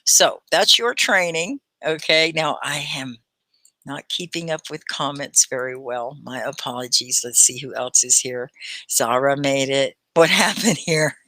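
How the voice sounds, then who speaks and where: A woman teaching an English lesson on a livestream, reading aloud slowly and clearly and calling on chat viewers by name. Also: a bass voice, bright, forceful tone, no room sound. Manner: slow, clear over-articulated reading aloud.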